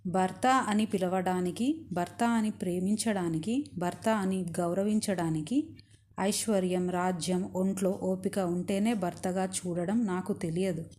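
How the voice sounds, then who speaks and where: A woman's voice: on the low side, a little slow, a little mellow, lightly acted. A woman reading a stern, righteous captive queen. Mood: firm devotion. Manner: scolding, lecturing.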